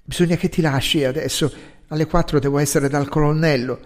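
A man reading aloud voices an embarrassed army captain, speaking awkwardly and a little haltingly. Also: on the high side, steady tone, natural voice. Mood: uneasy. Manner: stammering, awkward.

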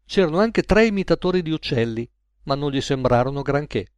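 A man narrating a comic tale in a measured, wry storytelling manner. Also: a little high, expressive, clear, resonant tone, no echo, clean studio sound.

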